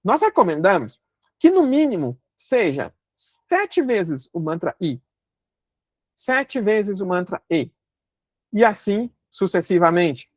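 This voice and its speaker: A woman giving a calm spoken lesson, explaining step by step with frequent fillers and restarts. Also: on the low side, no room sound. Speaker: instructor.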